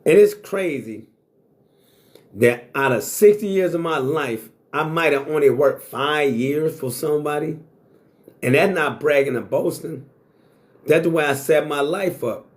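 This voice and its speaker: Unhurried and rather high in pitch, this sixty-something vlogger talks to the camera in a boastful, blunt way. He curses freely and keeps repeating himself.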